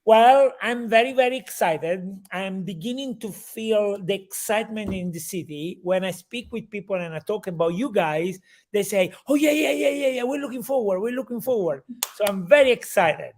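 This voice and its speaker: A high-pitched man with an Italian accent hosts an interview in English. He is effusive and enthusiastic, often pausing on small fillers as he searches for words. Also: lively intonation, a little mellow. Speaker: host. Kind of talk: live interview.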